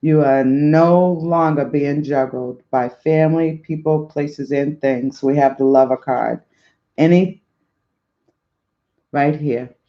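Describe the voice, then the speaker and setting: A man reads tarot cards for his viewers in a slow, affirming way, repeating encouraging phrases. His voice is mellow and fairly high for a man, with a gravelly fry. The recording sounds dull and lo-fi. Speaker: spiritual life coach and tarot reader. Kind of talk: tarot reading addressed to viewers.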